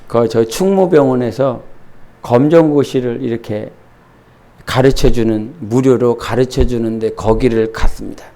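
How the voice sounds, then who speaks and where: A man's voice: mid-range voice, vocal fry, mellow. A middle-aged man, a pastor, preaching a sermon in church and telling a candid, self-deprecating story full of restarts.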